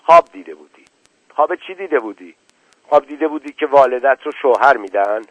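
A man's voice: medium pitch, expressive, fairly bright tone, dry recording, pitched above the performer's own voice, low-quality recording. A man voicing a fierce, scornful wife and protective mother in a radio book reading, cutting in tone.

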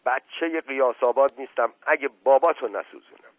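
A man voicing a hot-headed loyal middle-aged male servant who shouts in rustic speech. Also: lowish voice, dry recording, natural voice. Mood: shouting. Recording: tinny phone-like radio sound.

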